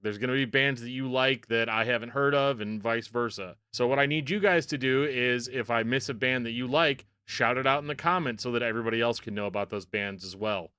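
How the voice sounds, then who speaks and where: A man's voice: medium pitch, fairly quick, hardly any pauses, sharp tone, clean tone, dry recording, studio quality. A man with a Midwestern American accent hosting a casual list video, chatty and wry as he talks straight to his viewers. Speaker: music video host.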